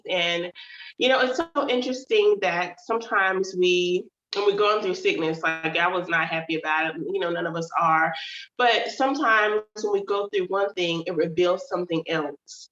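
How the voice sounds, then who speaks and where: Talking loosely to viewers on her livestream, this author and channel host addresses them as "y'all," her stuffy nose making her slightly nasal. Her voice is lowish and a bit bright, captured in a muffled recording with a roomy sound.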